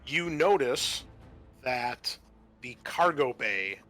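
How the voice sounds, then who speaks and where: Here the tabletop game master talks very slowly yet animatedly, his medium-pitched voice pushed and bright. He improvises the story casually and speaks straight to his players while music plays behind him.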